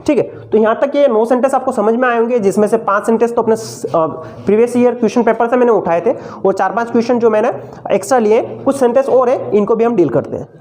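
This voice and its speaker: His voice is very high-pitched and darkish, and he talks fast. The male teacher leads an exam-prep grammar lesson, repeatedly asking his students questions before answering them himself and warmly calling them "son".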